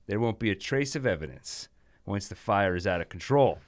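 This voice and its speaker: A man's voice: fairly low pitch, lively intonation, moderate pace, pitched below the performer's own voice, close to an everyday voice. A man voicing a greedy, scheming male murderer from an old horror comic, in a theatrical, overdone evil villain voice. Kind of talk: comic reading.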